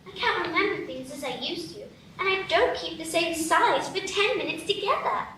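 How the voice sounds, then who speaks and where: A woman's voice: very high voice, normal speed, pushed and bright. A woman voicing a polite, earnest little girl in a live radio play, speaking in a prim, proper way. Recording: roomy stage from a distance, faint hiss.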